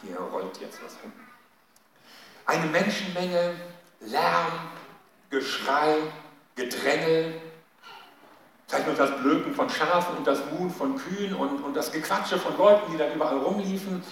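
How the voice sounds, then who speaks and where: A man giving a sermon, telling a Bible story in a lively way and shouting out the quoted cries. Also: fairly high pitch, a little slow, pauses often, slight background noise. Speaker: preacher. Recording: echoey hall, mic at a distance.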